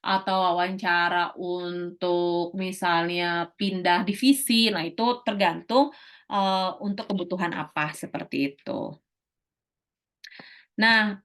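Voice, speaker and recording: A middle-aged woman teacher giving a casual lecture, talking quickly with many fillers and restarts. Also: medium pitch, fairly bright tone.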